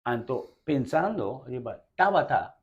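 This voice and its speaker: A Curaçaoan-accented man asks questions at a slow, unhurried pace, often stopping to think mid-sentence. The recording sounds somewhat dull and lo-fi. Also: medium pitch, very animated. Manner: halting, thinks aloud. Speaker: interviewer. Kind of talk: interview questions.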